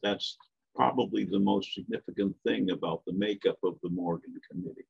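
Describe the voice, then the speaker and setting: Older male guest lecturer, low gravelly voice, emphatic academic delivery with asides, muffled lo-fi audio. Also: steady tone. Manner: measured, emphatic, with frequent asides. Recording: dull lo-fi lecture recording.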